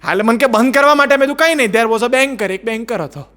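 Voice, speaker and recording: A man's voice: very high voice, fast talker, a bit bright. A man with a Gujarati accent performing a stand-up comedy routine, telling stories with put-on voices and broken English.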